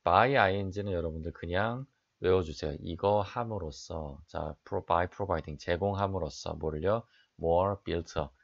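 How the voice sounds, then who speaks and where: Male English teacher, deep fry-edged voice, steady explainer for an exam lecture. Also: slow pace, highs cut off. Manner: explains sentence by sentence, reads English then translates; frequent "자" fillers, asks and answers own questions.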